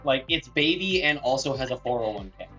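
A man's voice: mid-range voice, animated, fairly quick. A man joking around as a co-player on his wife's casual game stream. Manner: joking, playful banter. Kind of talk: casual gameplay stream chat. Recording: dull lo-fi stream audio, faint music.

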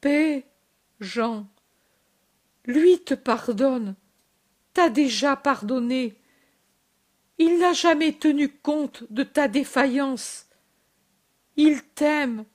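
A woman voicing a grieving mother who speaks softly and tenderly in short phrases. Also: on the high side, slow, pauses often. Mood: anguished. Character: grieving mother, gentle and anguished.

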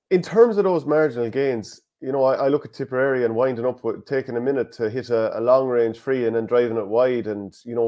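A man's voice: medium pitch, mellow. An Irish man on a video call, hosting a casual hurling discussion and posing questions. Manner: conversational, questioning. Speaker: host.

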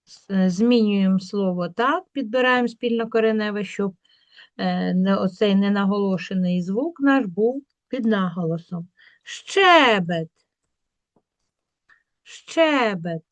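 A woman teacher working through a school workbook, drawing words out slowly to show where the stress falls. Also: medium pitch, a little mellow, dry recording, lo-fi sound. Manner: slow, drawn-out word demonstrations.

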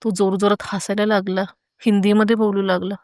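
A woman earnestly recounting her own frightening experience, pausing with hesitant fillers. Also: medium pitch, level tone, a little mellow, a little hiss or hum. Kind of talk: first-person horror account.

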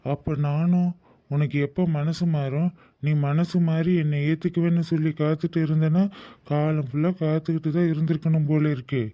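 A man's voice: fairly high pitch, flat delivery, brisk, no echo, close to an everyday voice. A man voicing a remorseful young husband, dull dry recording. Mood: playful. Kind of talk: cartoon drama dubbing.

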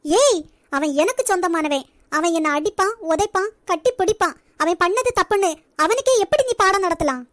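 A very high, dry-sounding voice for a spoiled, scornful young rich girl in a cartoon, as a woman puts her on. She talks down to others with a sharp, taunting Nagercoil Tamil accent. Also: brisk, dry recording. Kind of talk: cartoon voice acting.

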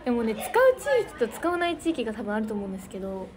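Hosting a relaxed idol livestream, a teenage girl from Niigata chats away and thanks her viewers for commenting. She talks at a racing pace with an expressive, medium-pitched voice, over noisy stream audio with crowd noise.

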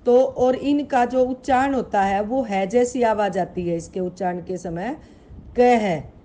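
A woman's voice: medium pitch, unhurried, dark tone. A woman teaching Sanskrit in an online grammar lesson. She patiently spells out sounds, asks her pupils questions and calls them beta. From Haryana, India.

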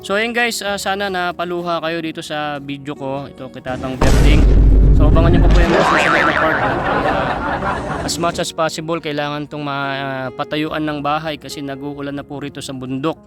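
A man from the Philippines vlogging outdoors on a mountain, talking haltingly with many fillers and coaxing an old man. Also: fairly high pitch, steady tone. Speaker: charity vlogger. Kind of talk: casual vlog talk to camera and an old man. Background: guitar music.

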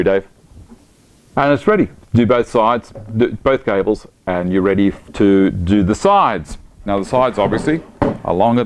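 A middle-aged man with a low, darkish voice walks through a woodworking project step by step in his home workshop. He's a woodworking instructor, chatty and enthusiastic, talking as he works.

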